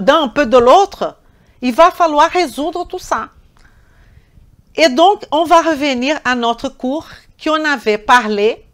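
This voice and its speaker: A woman with a foreign accent teaching a live online nutrition class. She talks emphatically, repeats words and corrects herself, and answers chat questions directly. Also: fairly high pitch. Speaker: nutrition trainer.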